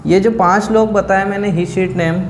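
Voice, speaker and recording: High-voiced male teacher, echoey room. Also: steady tone, unhurried, background noise. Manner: repeats "ठीक है?" checks, asks and answers own questions. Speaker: English grammar teacher. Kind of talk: whiteboard grammar lesson.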